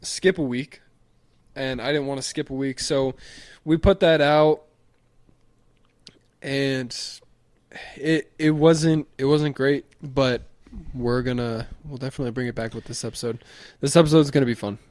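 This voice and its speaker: A man's voice: medium pitch, steady tone, darkish tone, no room sound. A young man co-hosting a podcast, rambling easily with lots of restarts. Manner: rambling, halting restarts, easygoing. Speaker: podcast co-host. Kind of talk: casual chat.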